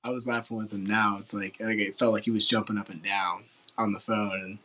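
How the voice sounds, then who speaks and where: A man's voice: lowish voice, little pitch movement, brisk, bright, forceful tone, low-quality recording. A man in his late teens from West Virginia, answering interview questions in an earnest, rambling way full of filler words. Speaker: football recruit interviewee.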